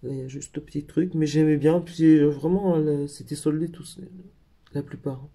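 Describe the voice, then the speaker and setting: A man's voice: fairly high pitch, steady tone, normal speed, warm tone. A man in a casual craft haul video, talking in a hesitant way with lots of fillers and self-corrections. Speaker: craft vlogger.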